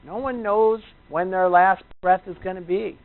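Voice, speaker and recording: A man's voice: sits high, fairly even intonation, normal speed. Tinny-sounding man teaching a breathing class. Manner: reassuring, conversational, checks in with "you know" and "right". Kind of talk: informal spoken instruction to a class. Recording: tinny, narrow phone-like sound.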